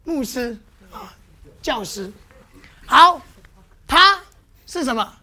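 A woman leading a lively, interactive church teaching, constantly asking the audience questions and acting out examples. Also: high voice, slow pace. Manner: lively, with playful demonstrations.

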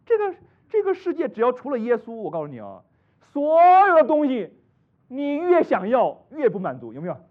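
A man from China preaching a sermon, full of rhetorical questions, swinging between loud exclamations and hushed asides. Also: extremely high pitch, huge pitch swings, fairly quick. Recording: tinny phone-like recording.

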